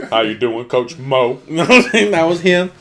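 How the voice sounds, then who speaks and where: Animated young man telling slangy stories. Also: a little slow, a crowd in the background. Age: young adult. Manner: animated storyteller, acts out quotes with big jumps in pitch and loudness; slangy, swears freely. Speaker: podcast co-host, college football player. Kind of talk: casual podcast storytelling.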